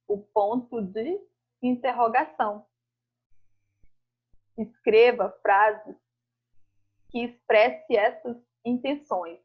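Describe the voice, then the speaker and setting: A woman teacher with a husky, slightly high voice goes over school exercises in a recorded lesson, heard as a muffled home recording. She reads each task aloud, then explains it slowly and patiently.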